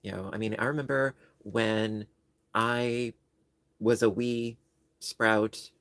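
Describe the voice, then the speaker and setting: A New York-accented livestream host speaks slowly and steadily in a lowish but fairly bright voice, recorded at studio quality with no room sound. His casual chat is rambling and full of self-deprecating humor.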